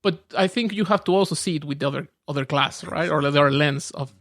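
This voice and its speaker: A man in a podcast conversation, talking reflectively with halting restarts and many fillers. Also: on the high side, fairly bright tone, dry recording, clean studio sound. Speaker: podcast participant. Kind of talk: casual podcast chat.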